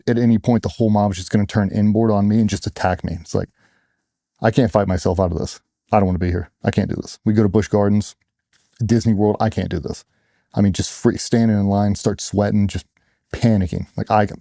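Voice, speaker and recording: A man's voice: on the low side, gravelly, mellow, no room sound, clean studio sound. A middle-aged man, a former soldier, telling his own story in a blunt, casual way, acting out what others said. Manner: blunt, casual, with acted-out quotes. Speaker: interview guest, former Navy SEAL. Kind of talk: candid personal storytelling.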